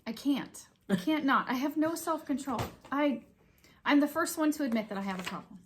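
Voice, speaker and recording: A woman with a slightly high voice co-hosts a casual chat. She giggles often and pokes fun at herself. She cheers on the other host's work. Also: lively intonation, normal speed, slight background noise. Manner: giggly, self-deprecating, supportive. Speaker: co-host.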